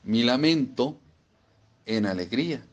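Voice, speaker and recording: A man's voice: medium pitch, animated, takes it slowly, muffled recording. A man preaching a sermon, emphatic and repeating phrases for stress.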